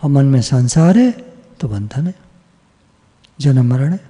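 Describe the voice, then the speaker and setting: Slow, husky-voiced man giving a devotional discourse. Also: mid-range voice, expressive, mellow, long reverb tail. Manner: measured teaching, repeats phrases, asks and answers own questions. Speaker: spiritual teacher. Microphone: video call.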